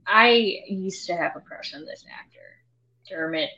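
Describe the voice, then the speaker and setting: A woman co-hosting a podcast, chatting about a movie in a relaxed way and often chiming in to agree. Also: mid-range voice, unhurried, dull audio. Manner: relaxed, agreeable, chimes in with short affirmations. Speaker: podcast co-host. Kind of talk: casual movie discussion.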